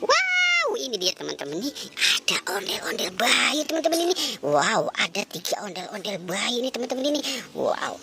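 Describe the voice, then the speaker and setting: Excitable woman hosting a kids' video. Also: medium pitch, a little fast, creaky, noisy background. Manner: constant "wow", addresses "teman-teman". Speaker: children's toy video host. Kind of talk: excited narration for kids. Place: at home, corner of a house.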